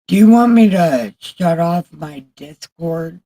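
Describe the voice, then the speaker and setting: A woman's voice: lowish voice, animated, slow pace, warm tone. A woman livestreamer in casual chat, talking candidly and with plenty of swearing to her viewers. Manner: candid, profane, chatting with viewers.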